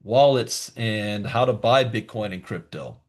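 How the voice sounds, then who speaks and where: A man's voice: lowish voice, lively intonation, a little slow, a little mellow. A man hosting a live online crypto class, talking in a chatty, emphatic way with asides to his viewers. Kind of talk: live online teaching session.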